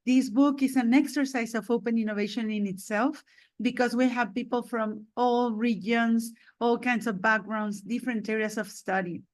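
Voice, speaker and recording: Enthusiastic woman podcast host. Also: fairly high pitch. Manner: enthusiastic, repeats "this is amazing". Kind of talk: video-call interview.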